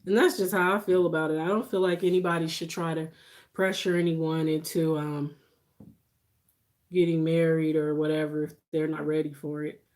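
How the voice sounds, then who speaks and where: A woman in her forties with a slightly low voice chats casually, as on a livestream. She speaks in a conversational, reassuring way, like someone giving personal advice. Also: level tone, normal speed, a little mellow. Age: 40s. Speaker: livestream host. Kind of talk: casual livestream chat with viewers.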